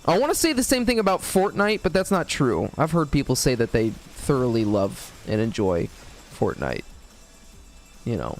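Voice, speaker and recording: A man's voice: mid-range voice, sing-song, moderate pace. A man streaming a game, chatting casually in a rambling, hesitant way with many fillers and swearing at the game. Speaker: gaming streamer. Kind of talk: casual live-stream chat while gaming.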